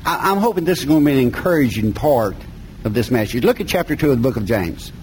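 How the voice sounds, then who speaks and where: Preaching and reading scripture in a down-to-earth, folksy manner with colloquial grammar, this middle-aged Appalachian man from the North Carolina mountains talks fast and very animatedly. His mid-range voice is a little mellow, and the poor audio carries slight background noise.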